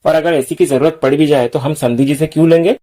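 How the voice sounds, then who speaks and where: A man's voice: fairly high pitch, steady tone, fast, mellow, close to an everyday voice. A man reading the lines of a proud, frugal middle-aged father who lectures and reasons. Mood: lecturing.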